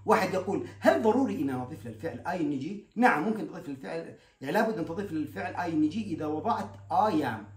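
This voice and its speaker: Lively-pitched male teacher, echoey room. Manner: reads word pairs with slow stressed English words and calm Arabic glosses; explains patiently, answering imagined learner questions. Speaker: English teacher. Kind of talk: bilingual vocabulary and grammar lesson.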